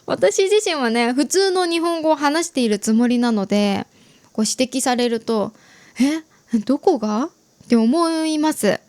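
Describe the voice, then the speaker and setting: A young adult Japanese woman hosting an easy-Japanese learning podcast, explaining gently and chatting with listeners. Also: high voice, animated, moderate pace, no echo. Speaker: podcast host teaching Japanese.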